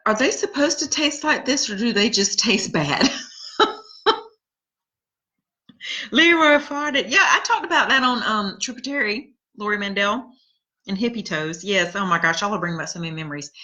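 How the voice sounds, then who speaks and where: A woman's voice: on the low side, bright, forceful tone, poor audio. A woman in her forties hosting a casual live chat, rambling through funny family stories and laughing at them. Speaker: podcast host reading live comments.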